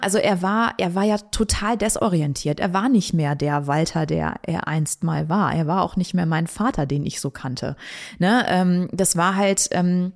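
A woman in her thirties, a podcast guest, telling a personal story in a halting, reflective way, often restarting her sentences. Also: on the low side, gravelly. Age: 30s.

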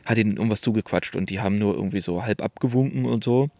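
A young man casually telling a story on a podcast in slangy, animated speech. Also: fairly low pitch, racing, no echo.

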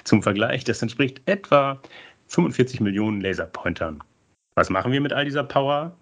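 A man's voice: medium pitch, lively intonation, a little fast, a bit bright. A man hosting a podcast, reading a scripted introduction and putting questions to his guests, with playful wordplay. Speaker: podcast host.

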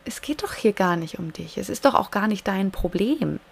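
A woman's voice: medium pitch, lively intonation, moderate pace, creaky, breathy edge. A woman coach talking directly to her listener in a solo advice podcast, emphatic and frequently checking in with tag questions.

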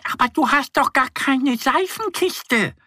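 A man voicing a curious little female duckling in a children's audio story, in a very high, squeaky voice with bright exclamations. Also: animated, measured pace, no echo, clean studio sound, exaggerated voice. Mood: doubtful.

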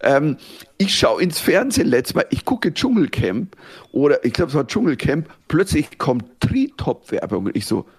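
A middle-aged man, the guest author, telling stories in an animated, rambling way, repeating words and breaking into laughs. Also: a little high, normal speed, husky. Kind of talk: animated storytelling chat.

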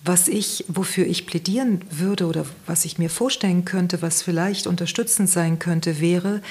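A woman guest in a conversational interview, giving parenting advice in a thoughtful, gently explaining way and searching for words as she goes. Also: fairly low pitch, moderate pace, slightly rough.

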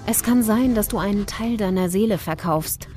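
An actress playing a secretive young woman who teaches witchcraft, speaking calmly and instructively over a film score. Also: mid-range voice, moderate pace, faint music behind, lightly acted. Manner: calm, instructive, ominous.

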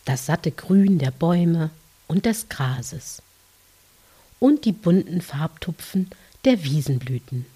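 A woman guides children through a dream journey in a soft, soothing voice. Her tone is mellow and breathy, often close to a whisper. She reads very slowly and gently, leaving long, calm pauses between phrases. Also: low voice. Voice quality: soft, breathy, hushed, at times near whisper. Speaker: narrator of guided relaxation for children.

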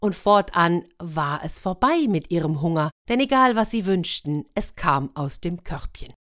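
A woman telling a fairy tale in a lively way, turning to her listeners with questions. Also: on the low side, measured pace. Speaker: storyteller.

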